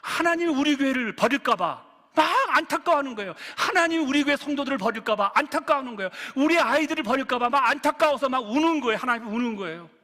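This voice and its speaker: High, lively-voiced man preaching in a hall. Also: fast. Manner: impassioned preaching, rising and falling in force. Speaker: pastor. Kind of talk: sermon.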